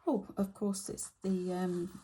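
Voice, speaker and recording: Chatty woman, soft husky low voice. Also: flat delivery. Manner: chatty, halting with many fillers. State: slightly croaky. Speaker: stitching vlogger. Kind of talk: casual narration while stitching.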